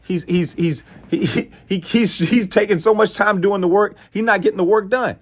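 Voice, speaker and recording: A high-pitched American man speaking at a normal pace gives a motivational training talk. It's emphatic and playful, with repeated phrases, regular "right?" check-ins, and lighthearted asides punctuated by chuckles.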